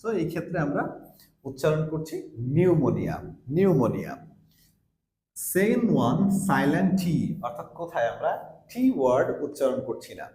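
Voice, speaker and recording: A man teaching an English pronunciation lesson, explaining step by step and repeating each example word slowly. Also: fairly high pitch, big pitch swings, a little mellow, echoey room.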